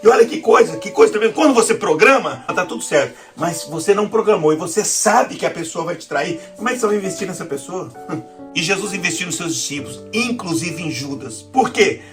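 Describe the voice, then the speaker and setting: A woman's voice: fairly low pitch, expressive, fairly quick, faint music behind. A woman with a Brazilian accent preaching a sermon, often calling her listeners "querido" and asking for amens. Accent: Brazilian Portuguese.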